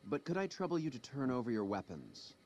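An actor playing a courteous, unbending, snobbish casino greeter in a video game, formal and polished. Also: male voice, mid-range voice, sing-song, fairly quick, darkish tone, dull audio. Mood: polite, firm. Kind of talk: video game character dialogue.

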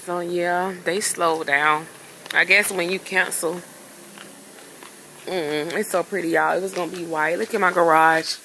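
A woman's voice: fairly low pitch, fairly even intonation, a little slow, background noise. A young woman, crying through an emotional vlog house tour, exclaiming and calling her viewers y'all, filmed on a handheld phone in an empty new house. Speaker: vlogger.

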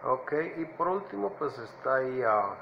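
A man hosting his own channel, explaining vocabulary in a relaxed way with frequent fillers and "ok?" checks. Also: medium pitch, normal speed, creaky, lo-fi sound, a little hiss or hum. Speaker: English teacher and channel host. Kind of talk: casual lesson.

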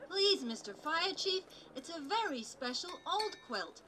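Woman as high, chirpy Dora explorer puppet. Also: sing-song, unhurried, pushed and bright, a little hiss or hum, exaggerated voice, rough recording. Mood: pleading. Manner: chirpy, instructive, sing-song, switching into French. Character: Dora, cheerful helpful little girl explorer puppet. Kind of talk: live children's puppet show. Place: outdoor farmyard puppet booth.

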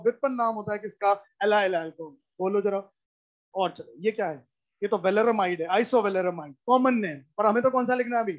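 A woman's voice: a little high, muffled recording. A woman teaching a live class in a lecture, repeating key points and constantly quizzing her students. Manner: repetitive, drilling explanations.

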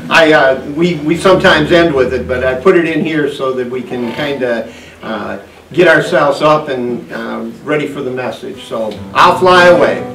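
An older man, a pastor, leading a church service with casual, folksy talk and halting fillers, heard in a church hall. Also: mid-range voice, a bit bright. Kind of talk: sermon and service announcements. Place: church hall, indoors, medium-sized room. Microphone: far camera picking up the room's PA. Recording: echoey room from far off, faint hiss.

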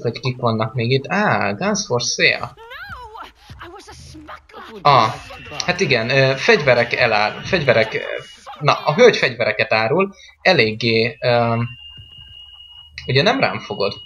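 A man's voice: mid-range voice, expressive, fairly bright tone, highs cut off, a little hiss or hum. Rambling, jokey man commenting on a game. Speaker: gameplay commentator. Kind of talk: casual let's-play commentary.

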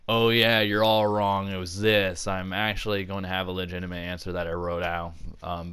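A young man hosts a casual storytelling vlog on his video channel, rambling and cutting himself off mid-thought. His voice is deep with a fairly bright, clean tone.

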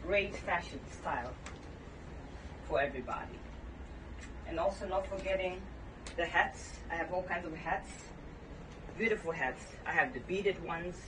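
A middle-aged woman from Tanzania, a gallery owner giving a guided tour of her shop with a friendly sales pitch. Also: a little slow, pauses often. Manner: warm sales pitch, showing items. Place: indoor gallery in a home. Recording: roomy and distant with background noise.

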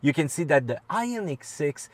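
A man with a French Canadian accent hosting a casual car review, playful and quick to laugh as he questions his co-host. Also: fairly high pitch, big pitch swings.

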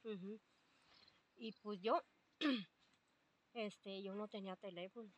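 A woman's voice: mid-range voice, slow pace, husky. An older woman with a Mexican accent, telling her story in a rambling way with many fillers, quoting what others said. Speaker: interviewee. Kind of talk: casual storytelling.

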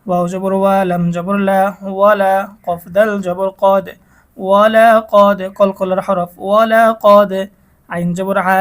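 A man with a Bangladeshi Bengali accent teaching Quran reading, who spells out letters and vowel marks and then draws out whole words slowly. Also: sits high.

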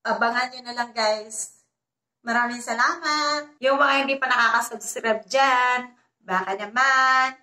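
A woman vlogger tells a story in a casual, chatty way, often turning to her viewers. Her voice is high and bright. The sound carries a roomy echo. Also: measured pace. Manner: chatty, repeatedly addresses viewers.

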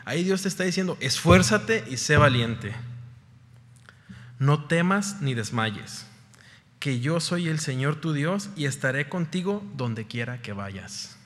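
A man's voice: fairly high pitch, lively intonation, unhurried, in a large hall. A man preaching a sermon, firing rhetorical questions and rising to fervent peaks. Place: church sanctuary.

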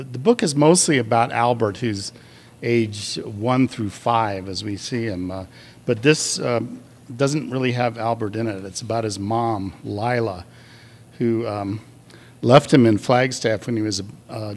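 A male author reading aloud from his own novel, with a measured delivery and a few hesitant fillers. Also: mid-range voice.

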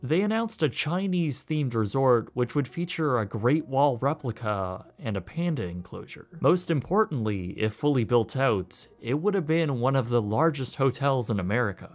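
Wry male documentary narrator. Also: medium pitch. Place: voice-over, recorded separately from footage.

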